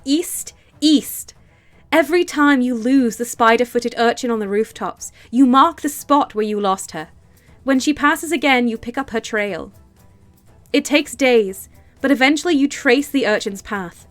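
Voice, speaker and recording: With soft background music, a woman plays a game on stream, talking casually and voicing its text. She sounds congested and sore-throated from a cold, yet stays excitable, laughing easily and bursting with delight.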